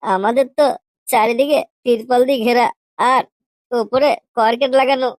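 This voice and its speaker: A woman's voice: on the high side, fairly even intonation, moderate pace, a little hiss or hum, close to an everyday voice. A woman voicing a crude, pushy young boyfriend in a comedy cartoon, using coarse slang and a wheedling, teasing manner. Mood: pleading.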